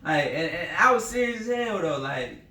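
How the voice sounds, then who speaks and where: A man co-hosting a podcast, telling a story in animated, profane casual chat. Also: on the high side, moderate pace. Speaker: podcast co-host. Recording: echoey room, distant mic, faint noise.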